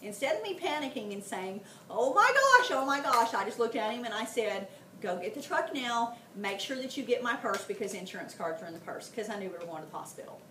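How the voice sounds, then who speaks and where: A middle-aged woman with a mid-range voice talks fast while teaching a history lesson to a class, telling stories animatedly and often asking the students "okay?" The recording is roomy and distant, with faint background noise.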